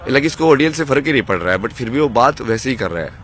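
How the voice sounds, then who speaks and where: A man's voice: mid-range voice, expressive, quick pace, over music. A man giving rambling, impassioned answers in an outdoor interview, firing rhetorical questions. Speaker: interviewee, wandering ascetic. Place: outdoors at a busy festival ground. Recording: outdoor recording with loud crowd.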